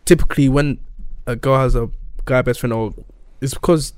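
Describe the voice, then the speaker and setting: A man's voice: medium pitch, steady tone, moderate pace, clean tone, no echo. A young man with a London roadman accent, talking in a casual group chat in an emphatic, slangy, repetitive way. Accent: London, urban roadman slang.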